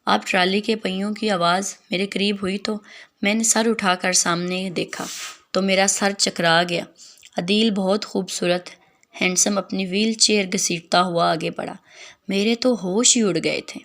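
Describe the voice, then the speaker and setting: A woman's voice: medium pitch, steady tone, a bit bright. A woman narrating a dramatic story in the first person, in a plain, earnest way.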